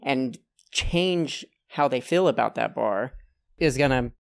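A man's voice: medium pitch, animated, takes it slowly, vocal fry. A man hosting a podcast, chatting casually and thinking aloud, with some "like" and restarts. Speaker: podcast host. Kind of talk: casual chat.

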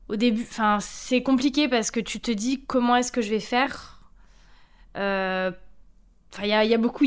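Smooth-voiced chatty woman in her thirties. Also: mid-range voice. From France. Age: 30s. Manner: chatty, lively, frequent hesitations. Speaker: podcast guest. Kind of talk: casual interview storytelling.

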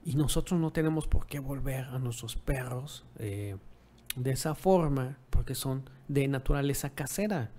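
A man's voice: mid-range voice, normal speed, darkish tone. A man giving dog-owning advice in a casual monologue, often ending remarks with rhetorical tag questions and acting out what people said. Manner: rhetorical tag questions, acts out quoted dialogue.

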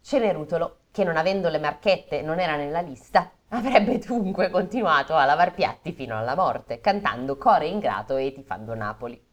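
Woman, lowish voice with lively melody, playful casual reader. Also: moderate pace, few pauses. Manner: playful, often laughing, animated. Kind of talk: casual chat and reading a comic story aloud.

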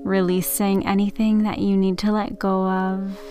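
A woman gently narrating a guided sleep meditation in the soothing, unhurried manner of a sleep story narrator. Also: mid-range voice, flat delivery, dull audio, music in the background. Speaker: meditation podcast host and yoga teacher.

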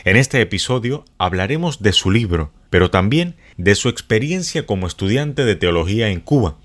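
A man announcing a podcast episode in steady, scripted narration. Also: on the low side, moderate pace. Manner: steady, read-out delivery. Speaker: show announcer.

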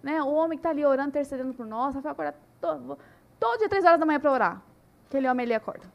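A young woman telling her story in a casual podcast chat, animated and full of "né" tags. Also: high voice, rapid-fire, vocal fry, dull audio. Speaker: podcast guest.

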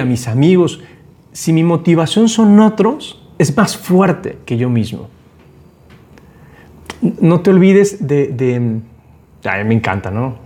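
A man's voice: mid-range voice, warm tone. A man, hosting a reflective talk and earnestly encouraging the listener. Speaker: podcast host.

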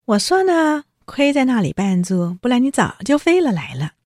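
A woman voicing a jealous, sharp-tongued young woman who answers in petulant retorts. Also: lowish voice, expressive, fast talker, gravelly, breathy edge, no echo, studio quality, full character voice. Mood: sulky, jealous.

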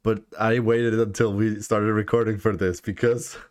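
A man's voice: on the low side, flat delivery, moderate pace, dry recording, clean studio sound. A man co-hosting a podcast from home over a voice call, chatting casually and teasing his friend with a laugh. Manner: playful teasing, laughs while talking. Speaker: podcast co-host. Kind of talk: casual chat.

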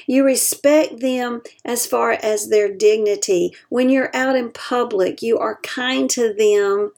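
A woman giving earnest advice to caregivers, slowing down to stress her key points. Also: fairly high pitch, a little mellow. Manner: acts out example quotes in other voices.

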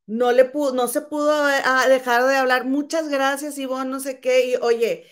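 A woman's voice: sits high, steady tone, measured pace. A Mexican woman co-hosting a casual gossip chat, indignant, reading out viewer comments and calling her co-host "comadre".

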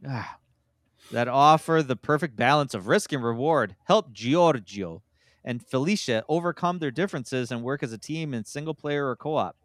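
A man's voice: medium pitch, moderate pace, dry recording. A man co-hosting a casual podcast, reading game descriptions aloud and breaking off to comment on them. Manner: reads game blurbs then breaks off to comment. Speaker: podcast co-host.

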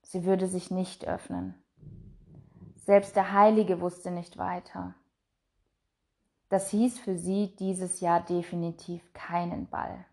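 A woman narrating a fairy tale in a soft, measured voice that trails off quietly. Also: lowish voice, flat delivery, gravelly. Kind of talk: storybook reading.

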